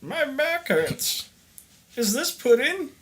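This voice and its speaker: A man voicing a doddering, cranky old man with a high, quavery put-on voice who mutters flustered complaints. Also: sing-song, takes it slowly, a bit bright, full character voice.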